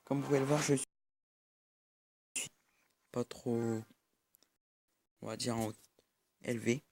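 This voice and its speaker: A man's voice: medium pitch, steady tone, takes it slowly, gravelly, a little mellow, no room sound, faint music behind. A young man giving casual mobile-game commentary over a recording of his screen, hesitant and full of fillers. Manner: hesitant, many fillers and restarts. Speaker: gaming YouTuber.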